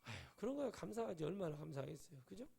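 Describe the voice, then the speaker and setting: A male pastor preaching a Sunday sermon in a conversational, storytelling way, acting out quoted voices and swinging between loud and hushed. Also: high voice, sing-song, rapid-fire, gravelly, husky.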